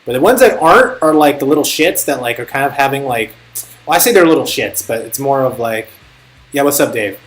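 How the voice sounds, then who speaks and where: A man's voice: mid-range voice, animated, brisk. A young man chatting casually on a live stream, telling a rambling, profane story as a tutor. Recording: faint music behind. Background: faint music.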